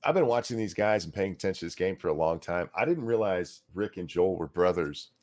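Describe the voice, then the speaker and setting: Man, very deep voice, relaxed matter-of-fact stream chat, opinionated. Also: fairly quick. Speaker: co-host of a live stream. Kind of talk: casual chat.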